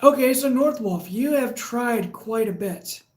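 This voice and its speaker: Hosting a casual live stream, a woman with a Michigan accent reads viewer comments and chats in a relaxed, halting way full of fillers and restarts. Her voice is on the high side, and the recording has room echo.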